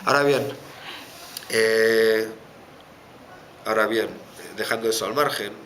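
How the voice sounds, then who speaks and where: Low-voiced Basque man, thoughtful. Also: fairly even intonation, slow, fairly bright tone. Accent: Basque Spanish. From Basque Country, Spain. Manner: thoughtful, hesitant, many fillers and restarts. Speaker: interviewee. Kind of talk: conversational interview answer. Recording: background noise.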